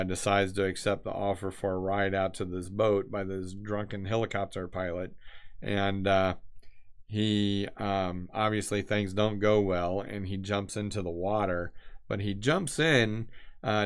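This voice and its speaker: A man's voice: fairly low pitch, fairly even intonation, a little slow, clear, resonant tone. A man chatting casually while he doodles, meandering from thought to thought with lots of fillers and restarts. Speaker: designer doodling on camera. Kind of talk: casual rambling chat.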